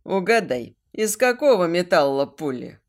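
A woman voicing a menacing male demon who mocks and barks orders in a lowered voice. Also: big pitch swings, unhurried. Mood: mocking. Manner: mocking, barking orders.

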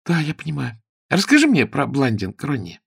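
A man voicing a cheerful, affectionate young actress in a high, girlish voice, reading an audiobook. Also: wildly swooping pitch, normal speed, creaky, husky, full character voice. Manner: bubbly, coaxing.

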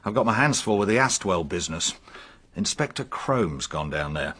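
A matter-of-fact inspector in a radio mystery. The voice is low and husky, and he reports in short, businesslike phrases. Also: lively intonation, normal speed, bright, forceful tone, exaggerated voice. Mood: grim, businesslike. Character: matter-of-fact, busy British police inspector. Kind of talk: radio drama dialogue.

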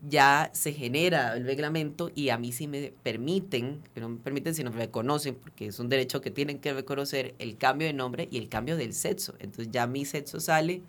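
The Venezuelan activist explains procedures in earnest detail as a radio talk program guest. His voice, of ordinary pitch, is a bit bright, and he repeatedly pauses on fillers and begins phrases again.

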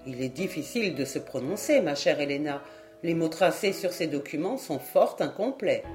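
A woman reading the part of a calm, methodical Scottish lord in an audiobook. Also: low-pitched, moderate pace, faint music behind.

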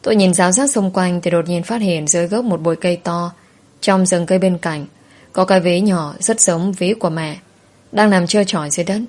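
Slow somber woman storyteller. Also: lowish voice, steady tone, a little mellow. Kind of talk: first-person story narration.

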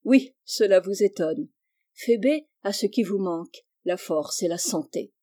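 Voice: mid-range voice, expressive, unhurried, dark tone. A reader doing a firm doctor uncle. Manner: firm, instructive reading. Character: kind, firm middle-aged male doctor uncle.

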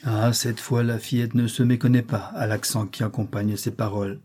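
A man narrating an audiobook with a measured, dramatic reading. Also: on the low side, level tone, mellow, husky.

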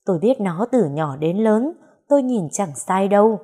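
A woman voicing a stout, fierce older village woman with a gruff deep voice and a domineering manner. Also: expressive, normal speed, mellow.

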